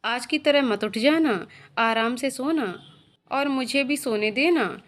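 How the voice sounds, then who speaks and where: A woman's voice: sits high, takes it slowly. A woman voicing a young husband who teases and grumbles in a dry, joking way. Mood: teasing. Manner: teasing, mock-grumbling.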